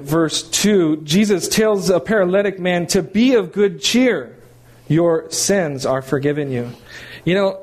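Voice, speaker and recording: Middle-aged male pastor, sermon delivery, emphatic and animated, voice a little high. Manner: animated, emphatic preaching with rhetorical questions.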